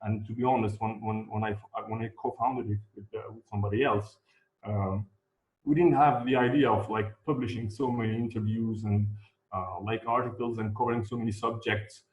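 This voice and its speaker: A man from Algeria, an activist guest speaking in a live online interview, halting with many fillers and repeated words. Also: fairly low pitch, fairly even intonation. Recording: echoey, dull lo-fi remote audio.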